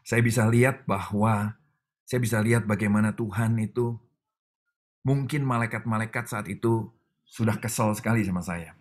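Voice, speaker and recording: A man preaching a sermon over a video call, telling a personal story with emotional swings between loud and quiet. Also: on the low side, fairly even intonation, normal speed, pauses often. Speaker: pastor.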